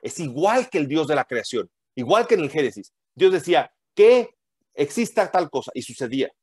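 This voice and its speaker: A man's voice: a little high, sing-song, a little fast, breathy edge, no room sound, clean studio sound. A man giving a teaching sermon to a group, emphatic and full of rhetorical questions and tag questions.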